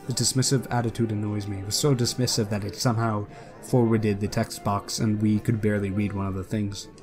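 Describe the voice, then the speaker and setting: A man's voice: fairly low pitch, level tone, fairly quick, over music. A man reading a visual novel aloud for a let's play, with casual asides. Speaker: let's player.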